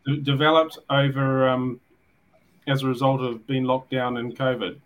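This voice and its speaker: A man co-hosts an informal chat. His voice is of average pitch, and he speaks casually. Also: level tone, moderate pace, highs cut off. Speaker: co-host.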